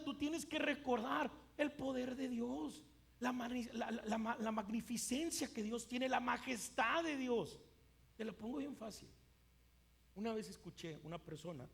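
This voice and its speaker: A male pastor preaching a sermon emphatically, swinging between loud and hushed, with occasional stumbles and repeated words. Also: very high-pitched, vocal fry.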